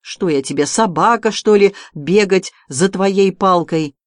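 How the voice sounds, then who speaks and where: An audiobook reader voicing a blunt, gruff army artilleryman who speaks curtly and mockingly. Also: mid-range voice, unhurried, no room sound, studio quality, lightly acted. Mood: scornful. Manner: curt and mocking. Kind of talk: audiobook character voice.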